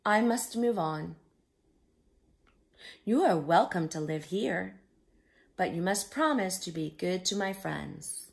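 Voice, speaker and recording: A woman voicing a gentle, earnest, polite male hermit crab in a storybook. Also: fairly low pitch, animated, slow pace, creaky, long pauses, full character voice.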